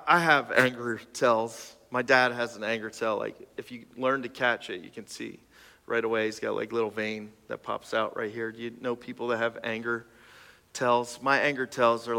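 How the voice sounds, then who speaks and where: A man in his thirties preaching a casual sermon, joking and restarting, then building to loud emphatic passages. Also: mid-range voice. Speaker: pastor. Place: church auditorium. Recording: long hall reverb.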